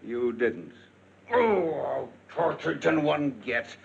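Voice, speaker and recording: An actor playing a gruff, short-tempered older boss who scolds and loses patience, in 1940s film acting. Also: male voice, medium pitch, expressive, slow pace, lo-fi sound, a little hiss or hum, exaggerated voice. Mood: angry.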